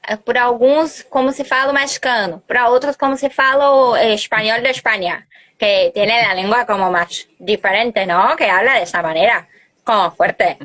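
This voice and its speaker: A woman's voice: on the high side, fairly even intonation, moderate pace, a bit bright. A woman who grew up in Bahia, a Portuguese and Spanish teacher, chatting casually on a live video call and spelling out sounds as she explains them. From Argentina, grew up in Bahia, Brazil. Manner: explains pronunciation by spelling out sounds, laughs often. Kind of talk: casual chat on an Instagram live. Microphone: phone or computer on a video call.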